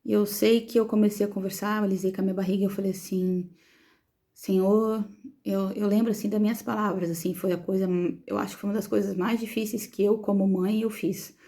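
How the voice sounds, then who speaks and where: A woman with a Brazilian Portuguese accent, telling her story as the mother of a premature baby, in an emotional and halting way, repeating words as she goes. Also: mid-range voice, fairly even intonation, warm tone. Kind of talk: personal testimony vlog.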